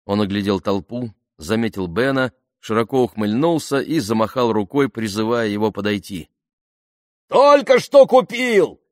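A man reading an audiobook in a measured, even storytelling manner. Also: lowish voice, dry recording, clean studio sound. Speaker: narrator. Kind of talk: scripted audiobook narration.

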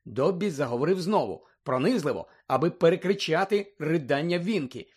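A man narrating a children's fantasy novel as an audiobook, in a steady storytelling delivery. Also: fairly high pitch, brisk, slightly rough. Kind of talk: scripted narration.

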